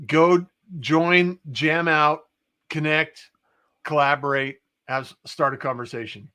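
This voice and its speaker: A man hosting a casual conversation in short, measured phrases with hesitant pauses. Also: a little high, steady tone, sharp tone, clear, resonant tone. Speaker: show host.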